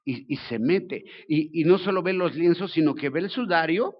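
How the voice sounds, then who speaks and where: An older man with a Mexican accent preaching a sermon as pastor, colloquial and joking, telling the story with lively slang. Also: a little high, moderate pace, lo-fi sound. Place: church.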